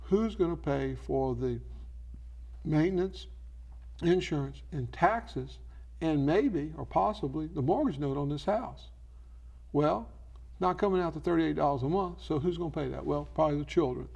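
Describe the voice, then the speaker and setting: This is a man with a fairly high, creaky voice and a darkish tone, talking at a normal speed, with the highs cut off. An elder law expert in an infomercial interview, he gives advice didactically, asking questions and answering them himself.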